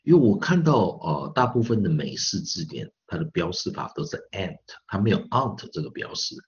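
Male English teacher in his forties, very low voice, chatty and repetitive, slows down to sound out words; slightly dull lo-fi recording. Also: big pitch swings. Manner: chatty, repeats phrases with filler particles; spells and sounds out words slowly. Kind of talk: recorded online English lesson.

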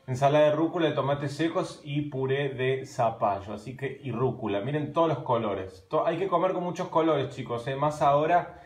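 A chatty Argentine man hosts a casual live stream from his home kitchen at night, speaking Argentine Spanish in a mid-range voice at a moderate pace with few pauses. He's animated and gestures as he talks, filming on a phone held at arm's length, and the room sounds roomy and echoey.

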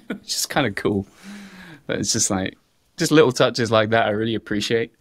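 A man with a British accent, a podcast guest, talking in a halting, monotone way in casual chat. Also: on the low side. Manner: self-described monotone, halting.

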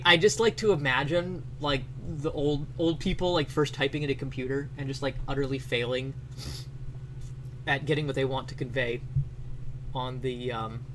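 A man in his thirties speaks in a mid-range, slightly bright voice, offering casual, off-the-cuff commentary and often searching for his words as a streamer presenting a letter. He's recorded on a close boom-arm mic in a small home bedroom with bookshelves, and the low-quality audio carries a little hiss or hum.

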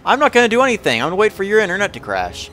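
A man's voice: high voice, huge pitch swings, very fast, music in the background. Joking man doing game commentary. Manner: joking, playful. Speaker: gaming channel host. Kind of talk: casual let's play commentary.

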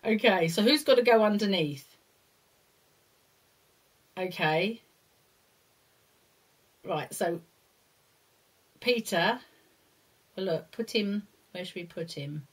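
A middle-aged woman presenting a lesson to young children with a puppet, speaking in simple, singsong, deliberate phrases with questioning tags. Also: medium pitch, husky, rough recording. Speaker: early years teacher presenting a puppet lesson. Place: indoors, seated before a brick-patterned backdrop.

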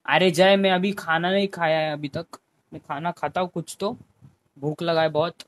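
A young man with a fairly high voice, talking casually into a headphone mic on his game stream. He chats with viewers by name and sometimes pleads with them. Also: fairly even intonation, normal speed, a bit bright. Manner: chatty, talks to chat viewers by name, pleading at times. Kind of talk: casual live-stream chat.

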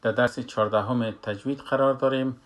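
A man's voice: medium pitch, fairly even intonation, highs cut off. Hesitant man teaching. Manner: hesitant, many drawn-out fillers and pauses. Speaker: Quran recitation teacher. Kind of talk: slow spoken lesson with demonstrations.

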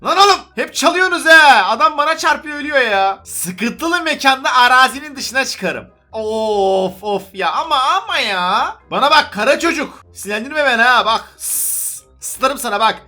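Gaming YouTuber, male, very high and bright voice, excitable and teasing, music underneath. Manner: excitable, teasing, chatters to other players. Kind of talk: gameplay commentary.

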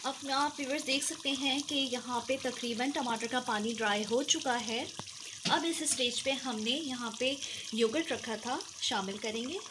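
A woman's voice: high-pitched, normal speed. A woman walks through a recipe step by step in her home kitchen, often checking in with "theek hai". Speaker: cooking channel host. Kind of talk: recipe walkthrough over cooking footage. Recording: home video with frying noise. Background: sizzling oil and stirring.

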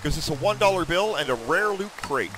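A man giving excitable let's-play commentary, thinking aloud and talking to his viewers. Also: a little high, a little fast, over music, rough recording. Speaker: gaming YouTuber.

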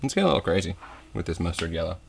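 A young man hosting a comedic painting tutorial parody, talking in a soft tutorial voice that slips into crude jokes. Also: low-pitched, big pitch swings, rapid-fire, vocal fry, slight background noise. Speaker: comedy host.

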